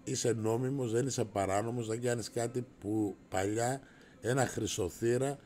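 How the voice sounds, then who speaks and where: A man's voice: mid-range voice, fairly even intonation. A middle-aged man hosting a casual livestream, brash and rowdy, swearing and raising his voice as he answers viewers. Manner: raises his voice to shout.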